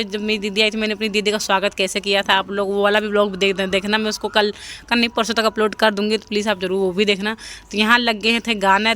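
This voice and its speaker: A woman's voice: medium pitch, sharp tone. A young woman narrating her home video in a chatty voice-over, often pleading with viewers to comment. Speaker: family vlogger.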